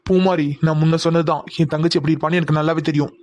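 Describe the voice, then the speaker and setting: A woman voicing a protective older brother in a cartoon, firm and gently coaxing his sister. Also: deep voice, steady tone, racing, close to an everyday voice. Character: calm protective elder brother, young man.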